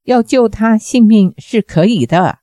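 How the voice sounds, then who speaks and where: A woman's voice: on the high side, unhurried, mellow, dry recording, clean studio sound, natural voice. Ping Yizhi, a woman reading as a cold, cranky doctor. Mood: curt, cold. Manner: cold, curt retorts. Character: short stout male doctor, cold and quick-tempered.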